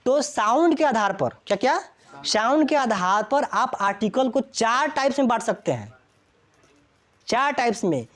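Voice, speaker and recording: A woman teaches an English grammar lesson in a classroom. Her voice sits somewhat high and swings widely in pitch as she keeps quizzing her students. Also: big pitch swings, normal speed. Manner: asks students constant check questions.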